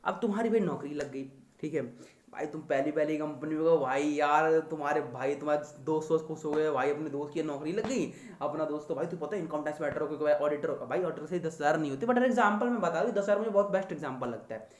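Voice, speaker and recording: A man's voice: fairly high pitch, fast talker, echoey room. A young man teaching economics to exam students in a chatty, teasing lecture style. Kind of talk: casual Hindi lecture.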